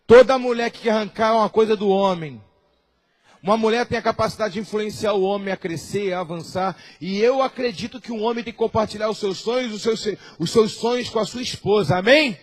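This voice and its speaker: Man, Brazilian accent, preacher, sermon, very high-pitched, impassioned, shouts, acts out quotes. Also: brisk. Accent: Brazilian Portuguese, Rio de Janeiro area. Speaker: apostle preaching.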